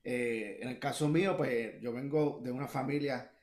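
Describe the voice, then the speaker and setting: A man's voice: mid-range voice, moderate pace, darkish tone. A young Puerto Rican man chats as a guest musician over a video call. He rambles, filling his talk with fillers and restarts. His voice sits mid-range and sounds echoey, as if from a bare room. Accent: Puerto Rican Spanish. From Puerto Rico. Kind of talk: casual interview talk.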